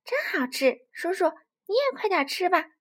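A woman voicing a timid, tearful baby spinosaurus in a children's storybook, squeaky and pleading. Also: sing-song, normal speed. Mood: delighted. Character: crybaby little baby spinosaurus, timid and sweet.

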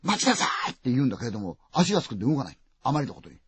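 A man telling a ghost story dramatically, full of vivid sound words and swinging from loud to hushed. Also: medium pitch, big pitch swings, very fast, husky, no room sound. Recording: dull, dry lo-fi recording.

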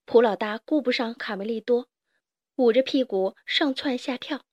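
Woman reading a kids story, lively, high voice, dry close mic. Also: moderate pace, no echo, lo-fi sound. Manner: lively expressive narration.

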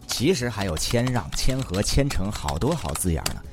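A man's voice: fairly low pitch, very animated, normal speed. A man with a Beijing accent narrating scripted comedy in a wry, mock-formal manner. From Beijing, China. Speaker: comic storyteller. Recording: clear background noise with keyboard clicks.

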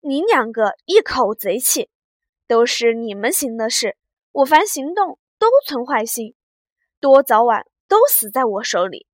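A loud, blustering young nobleman from an old storybook, as a woman reads him aloud. He wheedles and boasts in a higher voice with little breathing room. The sound is dry and close, with no room around it. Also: very animated, unhurried, dry recording.

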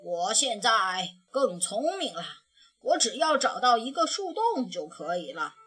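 A woman voicing a kind, patient old grandfather bear in a children's storybook reading, speaking gently with sighing pauses. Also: fairly high pitch, sing-song, husky, heavily acted. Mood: gentle.

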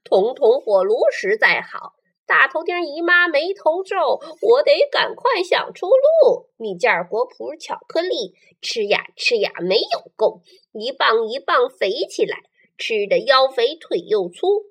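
A woman voicing a boastful male centipede who brags loudly and chants rhymes in a sing-song way in a storybook reading. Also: sits high, very animated, measured pace, husky, exaggerated voice. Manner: loud, gleeful bragging and sing-song rhyming. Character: boastful male centipede, a proud, cheeky pest.

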